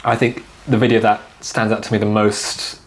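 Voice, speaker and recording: At normal speed and with a lowish voice, a twenty-something man who grew up in China chats casually as a guest videographer being interviewed. His relaxed speech is full of repeated words and "like" fillers, and the recording is rough.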